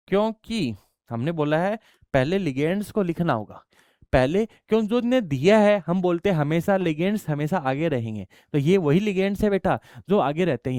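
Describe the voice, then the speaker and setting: Man, chemistry teacher, high voice, smooth, dry close sound, asks and answers his own questions. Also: darkish tone, no echo. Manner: explains step by step, asks students questions and answers them himself; addresses students affectionately as child. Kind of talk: classroom lecture.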